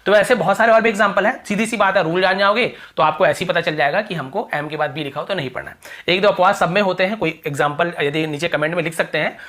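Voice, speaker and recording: A man teaching English pronunciation in Hindi to viewers, repeating example words slowly and asking rhetorical questions, often dropping to a quiet voice. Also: sits high. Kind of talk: explaining pronunciation rules to viewers.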